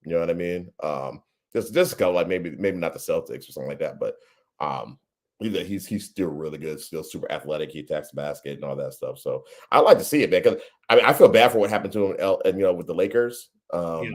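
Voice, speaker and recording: A man co-hosting a podcast, chatting casually about sports, laid-back and quick to laugh, often repeating his words. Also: sits low. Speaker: podcast co-host.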